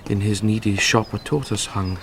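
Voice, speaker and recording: In a classical Shakespearean radio drama, a British-accented actor plays an impassioned, grief-stricken young nobleman, delivering the verse theatrically and deliberately. His voice is lowish, steady and fairly bright, and the mood is brooding and desperate. There's slight background noise.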